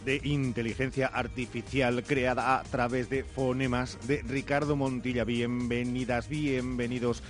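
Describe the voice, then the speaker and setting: A man voicing an artificial intelligence radio announcer, greeting listeners in a slow, measured, synthetic style. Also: mid-range voice, little pitch movement, faint music behind, close to an everyday voice. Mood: measured, welcoming.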